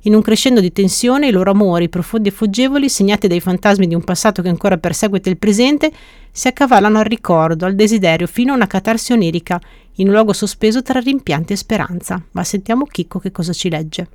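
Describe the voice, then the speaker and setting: A woman hosting a book podcast, presenting each book in a brisk, scripted, clearly articulated way. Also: medium pitch, darkish tone, no echo, studio quality.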